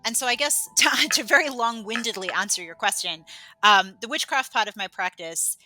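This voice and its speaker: A woman's voice: fairly high pitch, moderate pace, bright, forceful tone, faint music behind, rough recording. A woman from England, raised in Australia, chatting as a podcast guest in a rambling, self-deprecating way with lots of fillers and restarts. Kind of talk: casual conversational interview.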